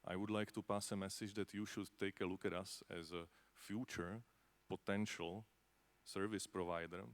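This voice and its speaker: A Czech man with a Czech accent, speaking for a space agency, answers questions on a conference panel. His low-pitched, slightly bright voice stays conversational, packed with fillers and tag questions.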